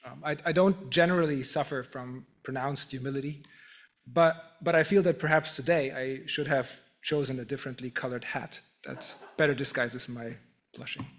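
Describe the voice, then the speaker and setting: A middle-aged man with a German accent delivering a prepared acceptance speech as a professor, measured and self-deprecating, with occasional restarts. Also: medium pitch, steady tone. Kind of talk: formal prepared speech with humor.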